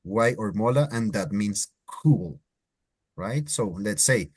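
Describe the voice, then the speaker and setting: A Latin American man teaching Spanish slang in a live online lesson, explaining slowly with drawn-out vowels. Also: fairly low pitch, animated, darkish tone, slightly rough.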